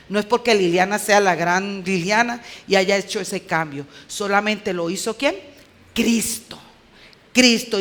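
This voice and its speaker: This Colombian woman, a speaker at a women's conference, has a mid-range voice with a fairly bright tone. Her preaching feels conversational but clipped and emphatic, punctuated by rhetorical questions to her audience.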